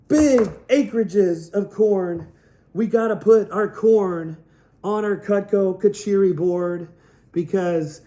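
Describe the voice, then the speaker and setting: A man giving a playful, rambling product demo as a salesman, repeating his jokes as he goes. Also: mellow. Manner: rambling, jokey, repetitive sales pitch. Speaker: knife sales representative. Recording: echoey room.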